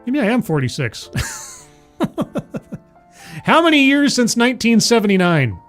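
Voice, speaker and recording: His voice is very high, sing-song and a bit bright, at a measured pace. This livestream host in his forties rambles through a casual chat with viewers and the live chat, laughing often and making fun of himself, over soft background music.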